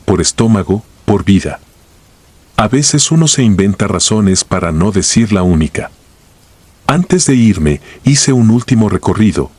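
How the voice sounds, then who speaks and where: A man's voice: lowish voice, a little mellow, breathy edge, no echo. A man reading first-person horror stories aloud in a somber, grave storytelling manner.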